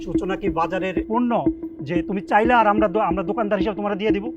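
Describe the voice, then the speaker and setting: A man's voice: high voice, very fast, dull audio, close to an everyday voice. A man playing an indignant wedding relative. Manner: indignant, shooing. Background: music.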